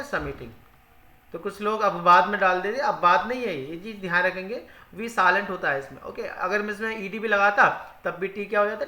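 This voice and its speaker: A man's voice: high voice, sharp tone. A male teacher who explains spelling rules. He repeats each rule in Hindi and asks questions that he then answers himself. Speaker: English teacher. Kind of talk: spoken grammar lesson. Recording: echoey room.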